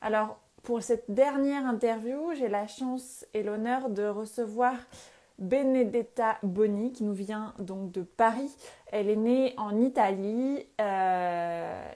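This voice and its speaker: A woman's voice: medium pitch, takes it slowly, warm tone. A woman hosting and moderating a live interview, eager, with frequent fillers in her introductions. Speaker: host and moderator.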